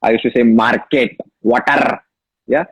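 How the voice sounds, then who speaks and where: A Maharashtrian app founder, guesting in a casual interview, tells his story emphatically in Marathi-accented Indian English and keeps repeating key phrases. His medium-pitched voice is creaky and slightly rough, fairly even in intonation and a little slow, in a dry, dull lo-fi recording.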